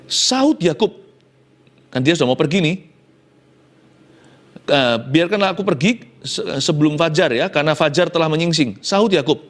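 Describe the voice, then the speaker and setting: A male pastor preaching in Indonesian with English phrases mixed in, telling the story dramatically and swinging between loud and hushed. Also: mid-range voice. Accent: Indonesian, mixes in English phrases. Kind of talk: sermon.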